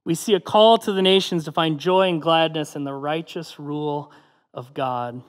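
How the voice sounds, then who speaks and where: Brief: male pastor, slightly high-pitched, measured, earnest sermon delivery with soft endings. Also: long reverb tail. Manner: measured and earnest, slowing on key phrases, trailing off softly at line ends; closes with a prayer.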